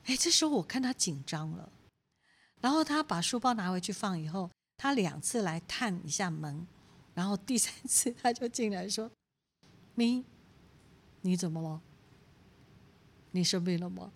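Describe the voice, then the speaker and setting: A woman in her forties with a Taiwanese Mandarin accent, a pastor's wife giving a teaching talk full of personal stories, acting out quotes and laughing often. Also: on the high side. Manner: animated storytelling, acts out quoted speech, laughs often.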